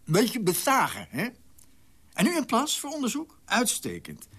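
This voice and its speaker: A secretive man shut up in his home, sneering one moment and whispering the next. His voice leaps wildly up and down and has a husky edge. He sounds like a figure in a radio play. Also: sits high, huge pitch swings, measured pace, a bit bright, full character voice. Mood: mocking. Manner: swings between mocking and frantic whispers. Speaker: lead character. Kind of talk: radio drama acting.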